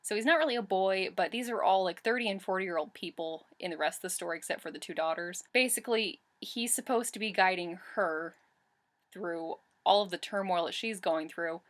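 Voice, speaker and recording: Speaking at a moderate pace, this woman has a fairly low, fairly bright voice. She's in her twenties and films a casual book review from her bedroom by a bookshelf, enthusing over what she read and correcting herself along the way.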